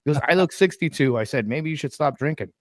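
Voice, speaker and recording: A man's voice: on the high side, lively intonation, quick pace, dry recording, clean studio sound. A man in his thirties from Massachusetts, chatting casually and telling a story on a sports stream. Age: 30s. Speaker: podcast co-host guest. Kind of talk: casual chat.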